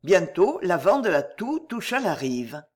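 A narrator reading a French adventure tale aloud in an expressive storybook style. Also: mid-range voice, unhurried. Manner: lively, expressive read-aloud delivery.

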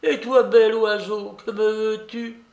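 A man putting on a shrill, bossy old grandmother. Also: unhurried, gravelly, a bit bright, exaggerated voice. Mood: scolding, imperious. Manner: shrill, scolding, barking orders. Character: imperious rich old Russian grandmother, quick-tempered. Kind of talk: audiobook character reading. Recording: roomy echo.

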